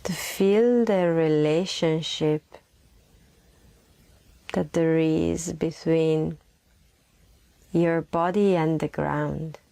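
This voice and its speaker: In a low, steady voice, this woman leads a calm, unhurried guided meditation full of long pauses and repeated phrases. She speaks softly, sometimes breathily, and there's no echo.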